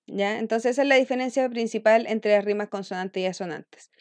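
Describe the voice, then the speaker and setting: Smooth-voiced woman teaching a class. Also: on the high side, fairly quick, a little mellow, no echo. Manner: explains step by step, checking in with frequent "¿ya?". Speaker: school language teacher. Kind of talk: recorded online lesson.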